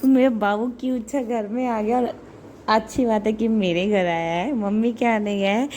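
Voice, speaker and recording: A woman's voice: on the high side, fairly even intonation, moderate pace, darkish tone, slight background noise. A young woman chatting casually through a home vlog, rambling and repeating words as she talks. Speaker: vlogger.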